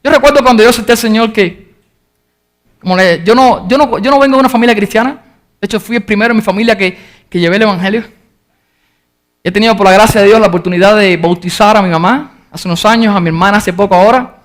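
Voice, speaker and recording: Guy pastor w a really high voice, earnest sermon, reads the bible out loud. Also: fast. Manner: earnest, shouts out crowd cries when retelling. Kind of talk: sermon with scripture reading.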